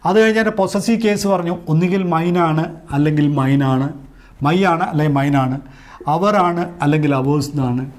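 A man with a Malayali English accent, teaching English grammar in Malayalam, going slowly over the points and checking with "right?". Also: fairly high pitch, a little mellow. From Kerala, India. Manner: slow, repetitive, recaps and asks "right?". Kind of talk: classroom-style grammar lesson.

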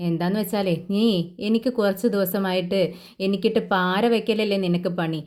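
A woman's voice: mid-range voice, steady tone, moderate pace, a little mellow, close to an everyday voice. A woman voicing an older man who teases a crying servant girl and then speaks sadly of his lost son. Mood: teasing. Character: older man, grieving husband, teasing.

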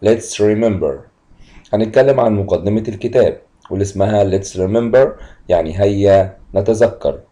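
A man teaching an English lesson, mixing Egyptian Arabic explanations with English words he says slowly twice. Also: on the low side, dark tone, rough recording. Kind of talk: vocabulary lesson, slow repeated words.

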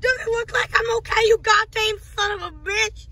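A woman's voice: very high voice, little pitch movement, takes it slowly, fairly bright tone, full character voice. A woman voicing a cranky male cowboy toy in a toy skit, snapping angrily and cursing. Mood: angry. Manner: angry and cursing.

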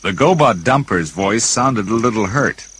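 A man's voice: lowish voice, expressive, moderate pace, fairly bright tone, husky, no echo. A man reading a read-along storybook in a dramatic, vivid narration.

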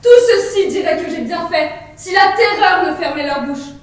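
A woman's voice: very high-pitched, normal speed. A young woman playing a proud, defiant condemned sister in an amateur stage Greek tragedy, declaiming solemnly. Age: young adult. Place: large indoor theatre, far camera. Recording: very echoey theatre hall, distant mic.

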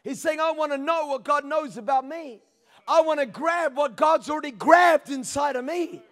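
A man in his thirties preaching a sermon on a large church stage into a handheld mic, swinging between hushed passages and shouted peaks. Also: extremely high pitch, moderate pace. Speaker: pastor. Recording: long hall reverb.

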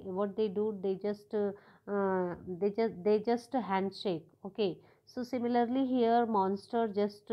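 A woman teaches an English lesson in a patient, hesitant way, stopping often on fillers as she explains each new word. Her voice sits at a middling pitch for a woman. The recording sounds dull and lo-fi. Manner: patient, hesitant, many "uh" fillers, defines words. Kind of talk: classroom lesson explaining a story.

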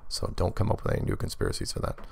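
A man's voice: racing, slight background noise. A man hosting a casual email Q&A, talking in conversational asides, his S sounds slightly drawn out from a bitten tongue. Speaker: host of an email Q&A show. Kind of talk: casual reading and answering of listener emails.

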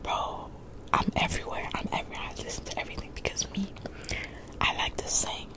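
Whispering young woman, chilled-out ASMR. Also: fairly quick. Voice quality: breathy whisper. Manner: laid-back, rambling, repeats phrases softly. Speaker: ASMR creator. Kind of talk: whispered ASMR casual chat. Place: small bedroom, lying in bed. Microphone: desk condenser microphone very close to the mouth.

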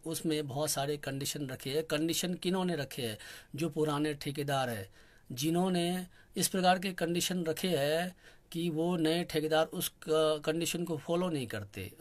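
A young local activist from Kinnaur, Himachal Pradesh, India, makes a public appeal on a channel in a soft, quiet, slightly high voice. He sounds earnest and complaining, pausing often and filling gaps with fillers.

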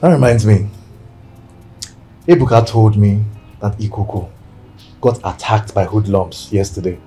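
A man's voice: fairly low pitch, unhurried, soft background music, natural voice. A Nigerian actor playing a husband and businessman in a Nollywood film, talking animatedly. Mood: teasing. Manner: animated, stammers when shaken.

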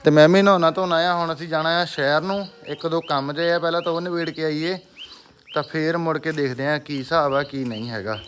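A man's voice: a little high, steady tone, fairly quick, a bit bright, a little hiss or hum. A man with a Punjabi accent, vlogging in a casual, chatty way and talking straight to his viewers on a phone camera. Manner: chatty, talks straight to viewers while walking and driving. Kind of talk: casual vlog chat.

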